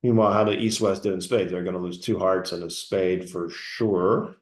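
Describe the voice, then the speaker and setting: A man with a fairly low voice talks through bridge hands analytically, pausing with small fillers. His voice carries a noticeable room echo. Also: steady tone. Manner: analytical, slightly halting. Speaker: bridge commentator. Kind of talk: live bridge commentary.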